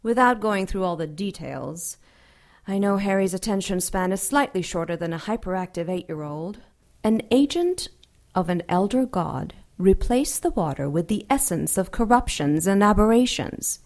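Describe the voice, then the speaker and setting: In an audio drama, an actress voices an ancient female dark angel who is imperious and sardonic, lecturing haughtily. Her deliberate, theatrical delivery is animated yet natural, with pitch rising and dipping freely as she taunts and condescends as though everyone else were beneath her.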